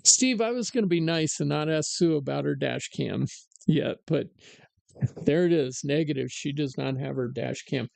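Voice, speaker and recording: A man's voice: fairly high pitch, moderate pace, gravelly, darkish tone, dry recording. A man hosting a live-streamed talk show, chatting casually and ranting sarcastically with plenty of fillers. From United States. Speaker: podcast host.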